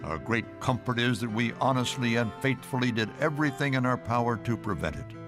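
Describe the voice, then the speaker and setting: Cartoon elder statesman, male actor: pompous senatorial orator, resolute, mid-pitched, music underneath. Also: a little fast, close to an everyday voice. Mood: solemn, oratorical. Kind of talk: animated history cartoon acting. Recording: music behind the voice.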